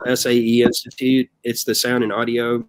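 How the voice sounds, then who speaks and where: Animated man telling stories. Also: medium pitch, moderate pace, dry recording, poor audio. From United States. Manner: animated storyteller, acts out quotes, says "man" often. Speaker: band member guest. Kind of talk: casual storytelling interview.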